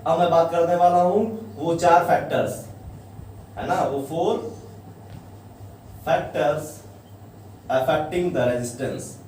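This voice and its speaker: A male physics teacher gives a lecture in a strongly echoing room, with his voice picked up from a distance over faint ambient noise. His voice sits a little high but sounds mellow and dark. He explains patiently and keeps checking that students follow. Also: extremely slow, pauses often. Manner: explains step by step, keeps asking "है ना?". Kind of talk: classroom lecture.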